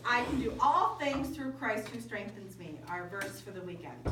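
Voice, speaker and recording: A woman camp speaker telling a story in a lively sermon to young people. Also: a little high, slight background noise. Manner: lively, animated storytelling with quoted dialogue. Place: large indoor hall at a winter camp. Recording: echoey hall from far off.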